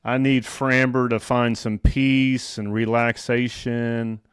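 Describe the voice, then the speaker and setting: A man hosting a casual sports chat, talking like an excitable fan. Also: mid-range voice, slow, clear, resonant tone, no room sound, studio quality. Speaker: podcast host.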